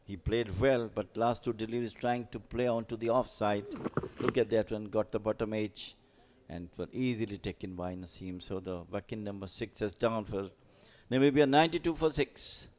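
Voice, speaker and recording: A man with a fairly low voice gives live cricket commentary. He explains play and players in loosely phrased analysis. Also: steady tone, normal speed, hardly any pauses, darkish tone.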